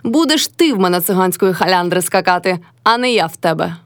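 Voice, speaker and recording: A woman voicing a defiant, sharp-tongued young peasant daughter-in-law who mocks and quarrels. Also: fairly low pitch, lively intonation, fairly quick, no room sound, clean studio sound. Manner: mocking, quarrelsome.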